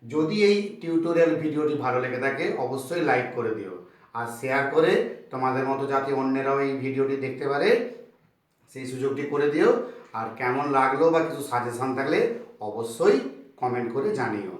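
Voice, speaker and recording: A male teacher giving a beginner grammar lesson, sounding out words slowly and counting syllables. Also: mid-range voice. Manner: slow, clear syllable counting. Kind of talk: tutorial lesson. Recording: very echoey room, mic far off.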